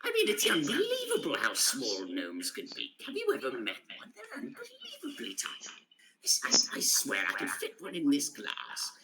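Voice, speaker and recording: A man's voice: sits high, wildly swooping pitch, normal speed, crowd noise, voice pushed up, full character voice, rough recording. A man voicing an ancient, eccentric woodsman storyteller, grumbly, rambling and forgetful, in a tabletop role-playing game. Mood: grumbly, marvelling. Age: very old.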